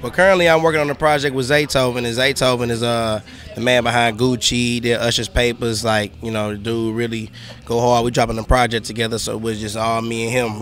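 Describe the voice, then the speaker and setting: Man, rapper in casual interview, very quick pace, slangy, frequent tag phrases, medium pitch. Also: a bit bright. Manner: slangy, full of 'you know what I mean' tags. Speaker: rapper and musician being interviewed. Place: music awards event.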